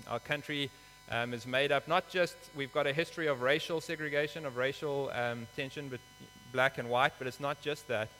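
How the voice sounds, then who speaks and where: Steady in tone and at normal speed, this South African man's mid-range voice comes across pushed and bright as he preaches a sermon with scripture reading. He explains things earnestly, sometimes hesitating with fillers. The church hall sounds reverberant, with mains hum underneath.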